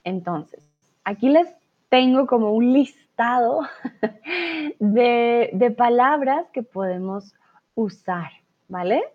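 A woman's voice: a little high, expressive. A woman with a Colombian accent teaching a live online Spanish lesson, patiently explaining and often checking in with her students. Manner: patient, explains slowly with frequent "¿vale?" check-ins. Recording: tinny phone-like audio.

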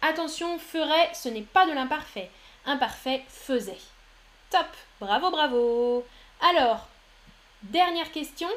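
A woman teaching French on a live stream, reading out viewers' chat answers and praising them warmly. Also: high-pitched, lively intonation, a little slow. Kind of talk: live-streamed language lesson.

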